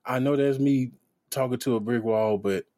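A man's voice: mid-range voice, moderate pace, no room sound, clean studio sound. A man co-hosting a casual sneaker podcast, ranting with lots of profanity and mocking impressions. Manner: animated, profane, mocks others in exaggerated voices. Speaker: podcast co-host.

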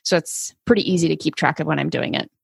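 A woman's voice: sits low, fairly even intonation, fast, gravelly, slightly rough, no echo. A woman hosting a podcast, presenting in a conversational way. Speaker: podcast host.

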